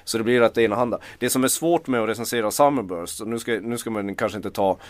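Hesitant, low-voiced man chatting casually. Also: no echo. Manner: hesitant, self-interrupting, repeats words. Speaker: music journalist and critic. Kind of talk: casual chat about music.

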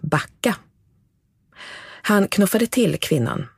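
A narrator giving a measured, scripted reading of a true account, voicing the quoted speakers only lightly. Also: mid-range voice, creaky, darkish tone, husky.

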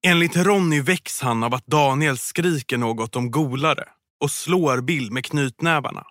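A man reading a scripted true-crime story in a calm, measured way as a podcast narrator. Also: mid-range voice, dry recording, clean studio sound. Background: music.

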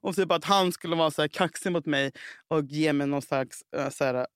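A woman in casual podcast chat, telling a story in an animated way, swearing freely and acting out what people said. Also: deep voice, clear, resonant tone, no echo, clean studio sound. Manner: animated, swears a lot, acts out quotes. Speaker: podcast co-host.

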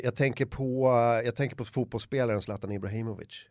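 A man tells a story on a podcast, his delivery lively and animated, and he acts out the shouts of the people in it. The recording is dry and close to the mic. His pitch sits in the middle range. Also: no echo. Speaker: podcast host. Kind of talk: casual anecdote telling.

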